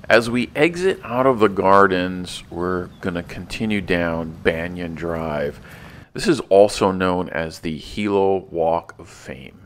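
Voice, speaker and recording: A deep-voiced man guides listeners through a walking tour in an easygoing, conversational way. He talks as he goes, now and then pausing to correct a word. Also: a little hiss or hum. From not from the local area. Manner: relaxed, chatty guide with small restarts. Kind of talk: casual tour narration.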